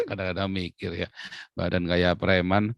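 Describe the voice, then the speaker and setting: A middle-aged man preaching a sermon as a pastor, telling personal stories in a lively, joking way and laughing often. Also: deep voice, slow pace, gravelly, no echo, highs cut off.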